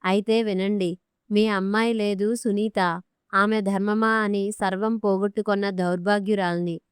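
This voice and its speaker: A woman's voice: medium pitch, fairly even intonation, moderate pace, smooth, no room sound, studio quality, close to an everyday voice. A woman reading the lines of a wronged young wife in her twenties, tearful and accusing. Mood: bitter.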